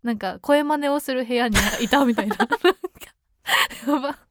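Giggly fast-talking young woman. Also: high voice, slight background noise. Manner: giggly, laughs often while talking. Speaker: podcast co-host. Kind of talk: casual chat.

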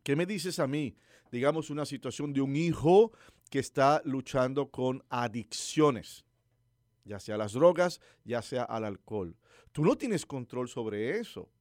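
A man's voice: mid-range voice, a little slow, no echo, clean studio sound. A man preaching a conversational sermon, telling stories and putting questions to his listeners. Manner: animated storytelling preacher, asks listeners questions.

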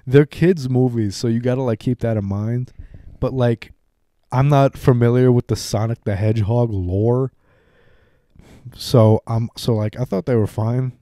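A man's voice: mid-range voice, dark tone, dry recording, clean studio sound. A young man co-hosting a podcast, rambling in casual banter with lots of fillers. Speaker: podcast co-host.

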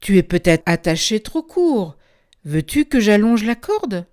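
A woman's voice: mid-range voice, big pitch swings, a little slow, darkish tone. A woman voicing an anxious, fussy male farmer in a storybook reading, exclaiming and scolding in agitation. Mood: agitated. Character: anxious, fussy old farmer fretting over his goats.

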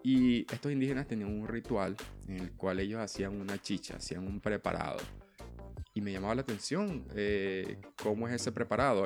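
A man's voice: on the low side, gravelly. A Venezuelan man hosting a podcast, talking in a casual, rambling monologue full of fillers and restarts. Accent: Venezuelan Spanish. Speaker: podcast host.

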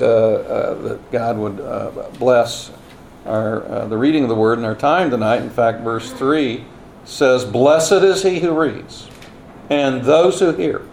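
A man giving a sermon lecture at a pulpit microphone, measured and plain-spoken, with many small fillers. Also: medium pitch, gravelly, a little mellow, a little hiss or hum. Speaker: guest preacher and lecturer.

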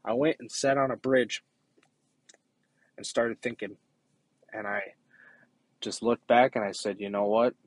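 A young man giving a halting, earnest personal testimony, often restarting his sentences. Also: mid-range voice, breathy edge, dry recording.

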